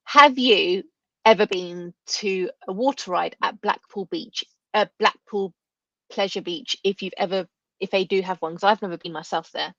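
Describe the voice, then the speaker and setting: A woman hosts a casual live-stream chat, pronouncing her r's like w's. Her voice sits at an ordinary pitch, in a dry but slightly dull, lo-fi recording. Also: normal speed, no echo. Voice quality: trouble saying r and w sounds, says w for r.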